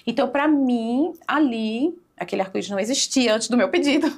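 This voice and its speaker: A woman's voice: a little high, a little fast. A woman speaking as a podcast guest, telling an emotional spiritual story in casual conversation, with many fillers.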